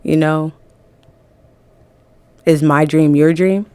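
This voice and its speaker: Woman podcast guest, from New Jersey by way of Atlanta: slow, low, blunt, quick to laugh. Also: steady tone, darkish tone, clean tone, no echo. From born in New Jersey, raised in Atlanta. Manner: frank, laughing, emphatic. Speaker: music management guest. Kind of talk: casual podcast chat.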